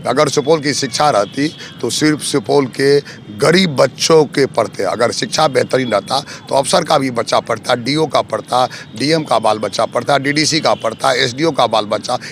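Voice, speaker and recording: A man running as a local election candidate, answering interview questions in a forceful, accusatory way, piling up lists of grievances. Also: mid-range voice, moderate pace, few pauses, slight background noise.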